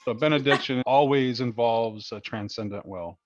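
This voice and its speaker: A man with a mid-pitched voice reads passages aloud and explains them conversationally. The sound is dull and lo-fi, with music clearly playing behind him. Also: normal speed. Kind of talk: conversational discussion with reading aloud.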